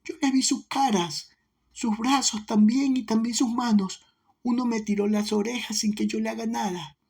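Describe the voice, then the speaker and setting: A man doing a husky tearful little peasant girl. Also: fairly even intonation, normal speed, darkish tone, heavily acted. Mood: tearful insistence. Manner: high, pleading, childlike.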